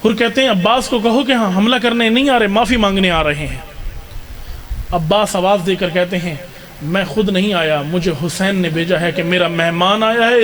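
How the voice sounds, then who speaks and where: High-voiced impassioned male preacher. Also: fairly bright tone. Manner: emotive, rising to impassioned cries in quoted speech. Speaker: Shia preacher. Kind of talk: Muharram majlis sermon, dramatic storytelling. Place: mosque hall during a religious gathering.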